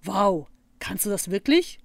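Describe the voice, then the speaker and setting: A woman's voice: mid-range voice, big pitch swings, unhurried, vocal fry, dry recording, studio quality, heavily acted. A woman voicing an eager, friendly kid in a storybook reading.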